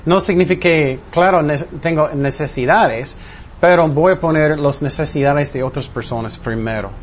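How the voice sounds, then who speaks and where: A man's voice: fairly high pitch, moderate pace. A man leading an interactive Bible study, teaching in a teacherly way and putting questions to his group. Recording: muffled room recording with faint noise.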